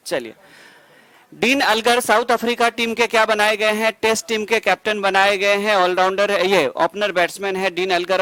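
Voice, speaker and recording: Male coaching teacher, high pitch, dry close sound; rapid-fire quiz revision with jokey asides. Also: a bit bright, no room sound, low-quality recording. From India. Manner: quizzes students with quick questions and answers himself; asides and jokes between facts. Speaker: exam-prep teacher. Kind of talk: rapid current-affairs revision lecture.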